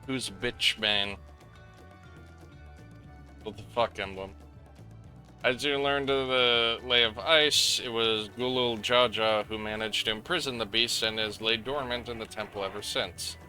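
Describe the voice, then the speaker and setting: Sharp-voiced man streaming a game. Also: mid-range voice, fairly even intonation, moderate pace, soft background music. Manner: reads story text aloud, stumbling over names, swearing between lines. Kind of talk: live game stream, reading dialogue aloud.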